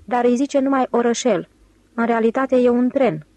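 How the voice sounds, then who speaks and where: A woman's voice: fairly high pitch, darkish tone, no echo, pitched above the performer's own voice, lightly acted. A woman voicing a sweet, teasing young woman in an audiobook, lifting her voice for the part. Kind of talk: audiobook character reading.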